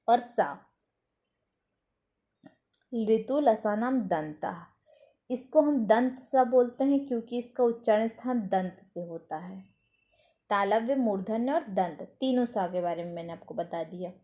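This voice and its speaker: A woman teaching a grammar lesson for exam preparation. She explains patiently, recites the rules slowly and asks and answers her own questions. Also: on the high side, dark tone.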